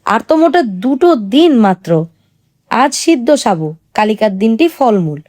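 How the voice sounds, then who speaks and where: A grave middle-aged male healer , played by a woman reader, speaking in measured, authoritative tones. He is firm with others but tender with his patient, in a storybook reading. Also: medium pitch, lively intonation, darkish tone, close to an everyday voice.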